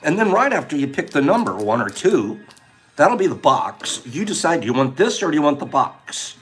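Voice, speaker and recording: A man hosts a casual livestream, chatty and animated as he reads out viewer names and runs a guessing game. His voice is slightly high and his speed normal, with soft music in the background.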